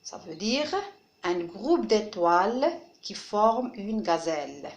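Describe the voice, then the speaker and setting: Woman teacher, North African French accent, slow and careful, lively melodic voice, echoey room. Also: mid-range voice. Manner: slow, deliberate, repeats words to model pronunciation. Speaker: primary school teacher. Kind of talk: French phonics lesson for children.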